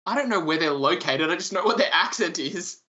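Aussie male host, bright and a touch high, casual teasing delivery, lo-fi recording. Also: lively intonation, brisk. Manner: reads out a ranked list, teasing. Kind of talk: casual chat among friends.

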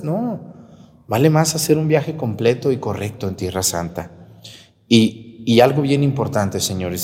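A man preaching a lively, teasing sermon as a priest. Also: fairly low pitch, long reverb tail. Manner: animated, mocking, preaching to the congregation. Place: church.

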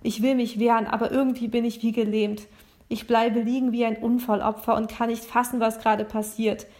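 Woman reading a story in first person, earnest, kinda high voice. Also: flat delivery, brisk, a little mellow. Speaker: narrator.

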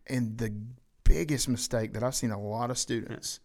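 A man's voice: mid-range voice, normal speed, darkish tone. A man with a slight Southern accent hosting a casual podcast conversation and guiding the discussion. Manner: conversational, frequent affirming backchannels. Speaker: podcast host.

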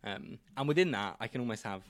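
A man's voice: on the low side, expressive, quick pace, dry recording. A man chatting casually on a podcast, laying out his plans and thinking aloud with fillers. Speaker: podcast host.

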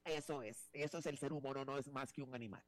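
A man's voice: mid-range voice, steady tone, fast. A man hosting a talk show, teasing his co-host in a flamboyant, chatty way with many restarts. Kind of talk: playful talk-show banter.

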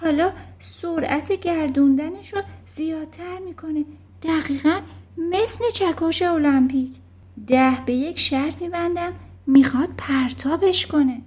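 A woman's voice: high-pitched, a little mellow, pitched above the performer's own voice, natural voice. A woman voicing a cheeky, knowing schoolgirl who mutters under her breath. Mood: scornful.

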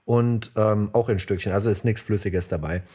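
Male co-host, low-ish and husky, easygoing and reflective. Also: steady tone, normal speed, dark tone. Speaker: podcast co-host. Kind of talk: casual chat.

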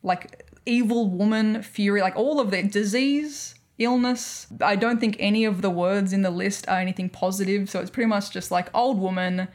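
A woman's voice: mid-range voice, normal speed, darkish tone. An Australian woman co-hosting a podcast, chatting loosely and rambling as she explains, with frequent laughs. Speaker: podcast co-host. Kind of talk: casual explanatory chat.

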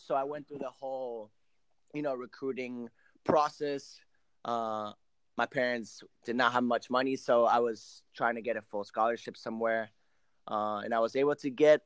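A man in his late twenties from Argentina, a native Spanish speaker and professional soccer player, tells his story casually as a podcast interview guest. His mid-range voice is smooth, and the recording is dry.

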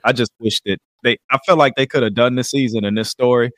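A man's voice: medium pitch, fairly even intonation, fast, fairly bright tone, no echo, studio quality. A man co-hosting a casual podcast, talking in an easygoing, slangy way. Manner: easygoing slangy talk, laughs often. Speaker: podcast co-host. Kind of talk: casual chat.

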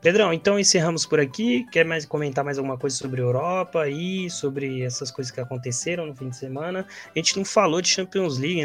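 A man's voice: on the high side, fairly bright tone. A Brazilian man hosting a podcast in casual, slangy football chat, often checking that his co-host agrees.

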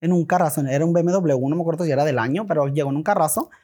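A man's voice: a little high, very fast, breathy edge. A man with a Mexican accent, a podcast guest telling a story in casual talk, swearing freely and acting out the dialogue. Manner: animated, swears freely, acts out quoted dialogue.

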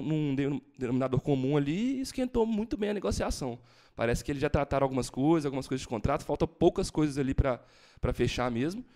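A man discusses football in a casual way. His voice is medium in pitch, and he often doubles back on words while making his point as a commentator. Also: darkish tone.

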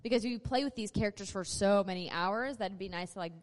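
A woman's voice: medium pitch, fast. An American woman hosting a casual live panel, chatty and joking as she talks to the audience. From North Dakota, USA. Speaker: panel host. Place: large convention panel room with live audience. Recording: echoey hall, live panel PA.

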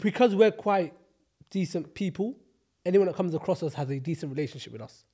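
London roadman guy hosting a podcast debate, talks fast, quite high voice, slangy. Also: lively intonation, warm tone, breathy edge. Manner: urban roadman slang delivery. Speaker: podcast host. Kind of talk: casual group debate.

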